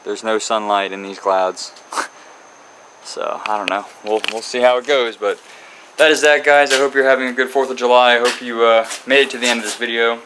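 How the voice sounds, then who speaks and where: A man's voice: medium pitch, flat delivery, a little fast, noisy background. A man hosting his own channel, chatting casually and rambling as he walks through a repair job. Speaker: channel host. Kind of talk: casual garage vlog walkthrough.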